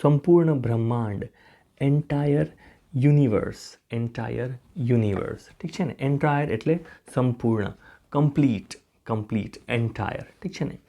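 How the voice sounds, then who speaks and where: A man's voice: mid-range voice, moderate pace, dark tone. A man teaching spoken English, spelling words out letter by letter, repeating each pronunciation and checking in with the viewer with a rising "okay?". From India.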